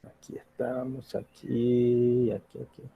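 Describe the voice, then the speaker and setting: A man's voice: mid-range voice, monotone, slow, gravelly, phone-quality sound, slight background noise. A man teaching an English grammar lesson in Spanish, patiently asking the class questions and checking in with "ok?".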